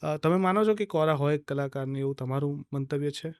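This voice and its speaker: A man from Gujarat hosting a podcast, asking questions in a measured, formal way and praising his guest. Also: on the high side, a little mellow, smooth, no room sound, studio quality. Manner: measured, complimentary, formal phrasing. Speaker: podcast host. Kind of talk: interview questions. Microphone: studio podcast mic.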